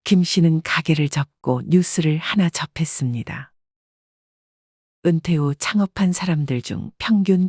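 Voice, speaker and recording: A storyteller giving a measured, scripted audiobook narration in an even delivery. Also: mid-range voice, slightly rough, no room sound, studio quality.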